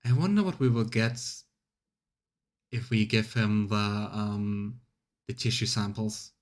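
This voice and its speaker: A let's play streamer with a lowish voice takes it slowly through casual live game commentary, musing and grumbling as he goes and sometimes reading game text aloud.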